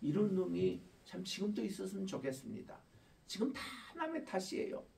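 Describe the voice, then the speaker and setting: A man's voice: high voice, very animated, fairly quick, creaky, dark tone. Male pastor preaching from a distance. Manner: conversational, explaining with questions and quoted children. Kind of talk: Christmas sermon.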